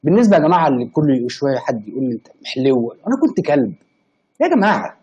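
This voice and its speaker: An Egyptian man in his late twenties chatting live with viewers and reading their comments, excitable and quick to burst into indignant protest. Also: medium pitch, breathy edge, highs cut off. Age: late 20s. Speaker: live streamer.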